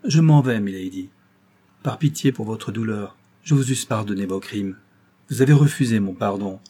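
A man voicing Robert, calm and resolute. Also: on the low side, normal speed, lightly acted. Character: calm, resolute young gentleman lawyer.

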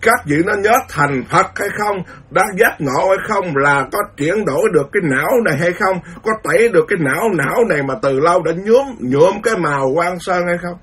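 A man's voice: high-pitched, expressive, fairly quick, few pauses, a bit bright, husky, far from the mic. A man lecturing as a Buddhist monk, ranting indignantly with lots of repetition. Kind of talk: impassioned Dharma lecture.

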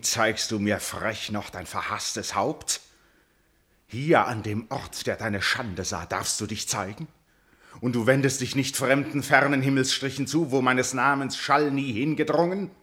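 Theseus, a slow, forceful Greek king. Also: lowish voice, breathy edge, heavily acted. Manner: declamatory, grave, solemn delivery. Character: proud, wrathful ancient Greek king and betrayed father. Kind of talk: classical verse tragedy radio acting.

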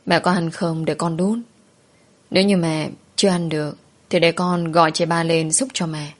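A woman voicing a gentle young wife and mother who speaks softly and patiently. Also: low-pitched, fairly even intonation, normal speed.

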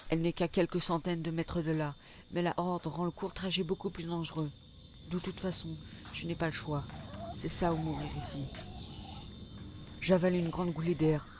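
A man's voice: on the high side, flat delivery, moderate pace, noisy background. A man narrating a first-person audio drama in a tense, urgent way. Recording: loud music under the voice.

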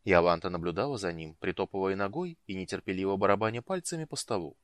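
Expressive male audiobook narrator. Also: deep voice, quick pace, no room sound. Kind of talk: scripted narration.

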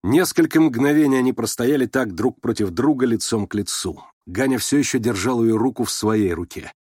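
A man narrating a classic novel in a steady, measured audiobook reading. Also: mid-range voice, breathy edge, no echo, clean studio sound.

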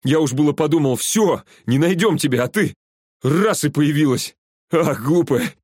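Frantic young guy voiced by a man, high excited voice, pleading, dry close storybook reading. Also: normal speed, husky, no room sound. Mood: frantic relief.

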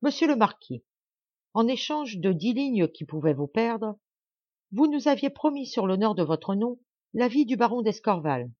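A woman's voice: on the high side, big pitch swings, normal speed, warm tone, no room sound, lo-fi sound, pitched above the performer's own voice. A woman voicing a furious young nobleman. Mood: cold, grave.

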